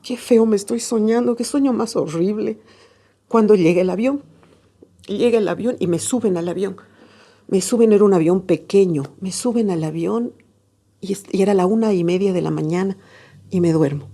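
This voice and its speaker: Husky-voiced woman retelling memories. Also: medium pitch, moderate pace, mellow. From Bolivia. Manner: vivid storytelling, acts out remembered dialogue. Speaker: interviewee, daughter recalling her father's death. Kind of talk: documentary interview.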